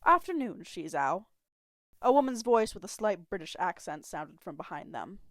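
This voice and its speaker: A woman's voice: on the low side, expressive, moderate pace, noisy background. A woman narrating fan fiction as an amateur audiobook reader on a home mic, telling it expressively. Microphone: home mic, not professional.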